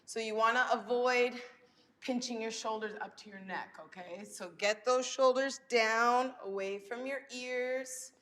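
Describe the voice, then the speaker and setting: High voiced woman leading stretches while exercising, slow encouraging cues, big echoey reverb. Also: fairly even intonation, fairly bright tone. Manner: speaking while exercising, timed breathing cues. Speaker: fitness instructor. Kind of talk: guided stretching workout instruction. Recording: long hall-like reverb.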